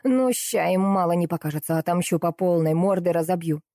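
A woman's voice: lowish voice, fairly quick, dark tone, no room sound, clean studio sound, natural voice. A woman voicing a rude, hot-tempered young male butcher who talks bluntly in slang and threatens. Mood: furious.

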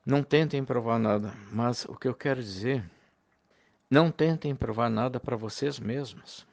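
A man's voice: medium pitch, moderate pace, creaky, darkish tone. A man preaching a recorded sermon to fellow believers, in an earnest, pleading and heartfelt manner.

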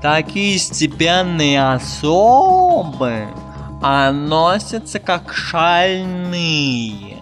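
A man's voice: a little high, big pitch swings, a bit bright, soft background music, heavily acted. A man doing a lazy, purring forest cat. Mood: haughty. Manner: purring, unhurried, drawling.

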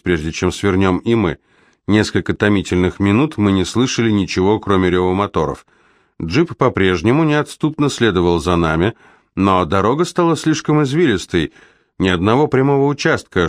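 A man reading a novel aloud as an audiobook narrator, in a steady, even storytelling manner. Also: on the low side, dry recording, clean studio sound. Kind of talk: scripted narration.

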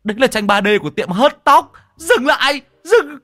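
A man's voice: mid-range voice, big pitch swings, moderate pace, no room sound, faint music behind, pitched above the performer's own voice, natural voice. A man voicing a jittery young taxi driver who stammers and hesitates. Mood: panicked. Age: young adult.

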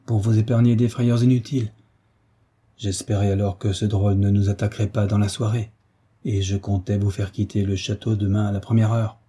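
A man voicing a calm, gallant young hero who answers courteously and reassuringly, in an audiobook reading. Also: lowish voice, brisk, breathy edge.

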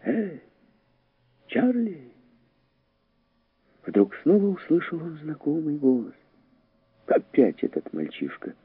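A man reading an audiobook story aloud in a dramatic, expressive way, heightening his voice for the characters. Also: fairly high pitch, moderate pace, breathy edge, no echo, narrow, tinny audio. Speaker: audiobook narrator.

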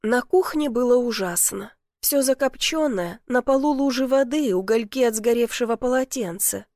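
A woman narrating a first-person audiobook in an emotional, expressive way. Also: fairly high pitch, moderate pace, no room sound, studio quality.

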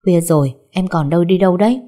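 A woman voicing a caring neighbor who gently soothes a worried friend in a story. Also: fairly low pitch, quick pace, close to an everyday voice. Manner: soothing and protective.

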